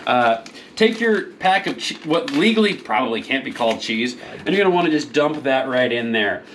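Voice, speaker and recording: Casting: tipsy man hosting a cooking demo, crude deadpan humor, faint background noise. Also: mid-range voice, moderate pace. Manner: crude deadpan jokes, rambling asides. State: a little tipsy, slurring slightly. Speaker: cooking show host. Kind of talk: joking cooking demonstration.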